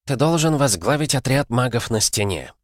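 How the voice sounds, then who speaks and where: A man's voice: mid-range voice, expressive, moderate pace, no echo, studio quality, voice pushed up, natural voice. A man voicing a stern old clan head who speaks in a grave, commanding way. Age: older.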